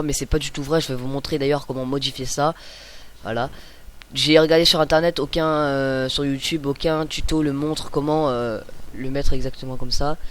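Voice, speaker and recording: A young man hosting a casual screen-recorded software tutorial, chatty and hesitant, with many fillers and self-corrections. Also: mid-range voice. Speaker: tutorial host.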